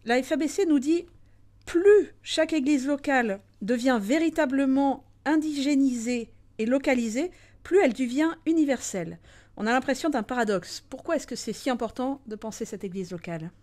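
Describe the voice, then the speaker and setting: A woman conducts an interview with steady, composed questions. Her voice sits a little high, and she restates the guest's points before moving on. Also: normal speed. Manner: clear, composed questioning with rephrasing.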